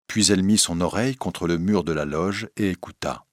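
A man reading a story aloud in measured, dramatic narration. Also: low-pitched, no echo, studio quality.

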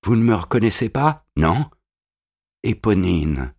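A man's voice: big pitch swings, a little slow, heavily acted. Man voicing a faint dying young woman. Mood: faint, trembling. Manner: soft, low and trembling.

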